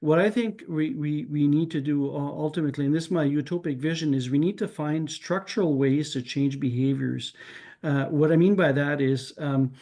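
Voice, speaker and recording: A man from Canada, French being his native tongue, joins a relaxed group conversation at a moderate pace. His low voice is mellow, and he reasons aloud with frequent restarts, wrapping up points with "right?"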